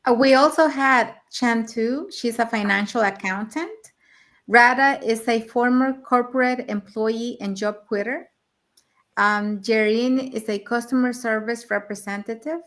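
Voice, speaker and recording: A woman's voice: a little high, a bit bright. A middle-aged woman from Mexico, a grandmother, speaking plainly on an online panel. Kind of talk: casual panel chat.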